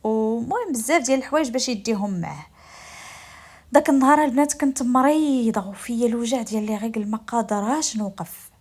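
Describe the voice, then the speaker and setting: Fast-talking Moroccan woman storyteller. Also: on the high side, darkish tone. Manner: confiding, addresses listeners directly. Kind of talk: first-person storytelling to women listeners.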